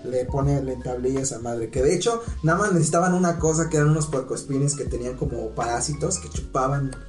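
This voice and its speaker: A man with a Mexican accent, co-hosting a casual podcast, excitable and slangy, swearing freely. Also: medium pitch, fast talker. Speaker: podcast co-host. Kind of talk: casual chat. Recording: echoey room with faint music.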